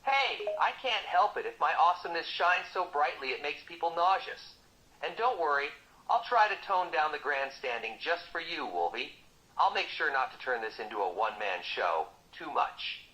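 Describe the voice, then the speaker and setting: A boastful, wisecracking mercenary, voiced by a man who cannot stop talking. His teasing, sarcastic lines come in a fairly high, very lively voice with a bright edge. The audio is dull and lo-fi. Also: moderate pace. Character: boastful wisecracking male mercenary, motor-mouthed. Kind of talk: comic banter dialogue.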